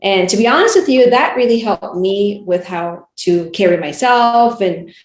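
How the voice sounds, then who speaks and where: A woman's voice: mid-range voice, lively intonation, moderate pace. A woman chatting casually as an interview guest, giggly and often saying "like" and "you know". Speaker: guest, wrestling ring announcer and reporter. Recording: roomy, echoey sound.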